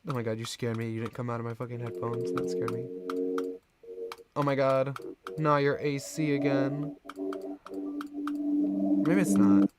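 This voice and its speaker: A young man chatting casually to his stream chat, jumping between excited outbursts and quiet mumbling. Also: medium pitch, normal speed, background noise.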